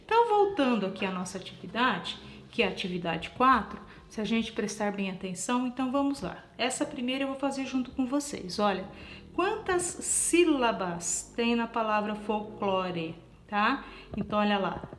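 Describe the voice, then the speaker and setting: A woman's voice: fairly high pitch, big pitch swings, normal speed, a bit bright, slight background noise. A woman teacher giving a patient classroom explanation, spelling out letters one by one, counting aloud and checking in with "tá?". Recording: echoey room.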